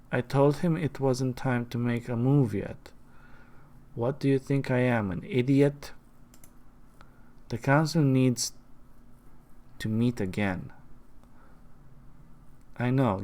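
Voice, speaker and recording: A man's voice: medium pitch, a little mellow. A man voicing a game character on a phone call in a sing-song tone, stumbling now and then over words.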